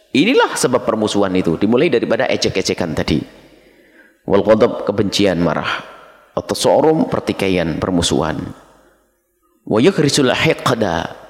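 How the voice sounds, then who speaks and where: A middle-aged man preaching a dawn sermon, reading Arabic phrases and explaining them to his listeners as his children. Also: medium pitch. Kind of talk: dawn sermon teaching from a text. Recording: long reverb of a large hall.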